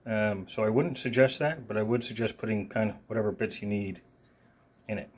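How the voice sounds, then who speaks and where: A man with a fairly low voice, rambling through an off-the-cuff product demo. He talks loosely, fills his pauses with ums and uhs, and walks the viewer through each feature in turn. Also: steady tone, husky. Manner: casual, rambling, many fillers. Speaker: product reviewer. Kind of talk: unscripted one-take product demo.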